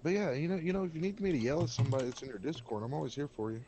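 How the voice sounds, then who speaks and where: A fairly high-pitched man talks very fast, with background noise, as co-host of a game server on a casual gaming stream. He's blunt and rambling, cigarette in his mouth, picked up by a desk microphone beside his keyboard.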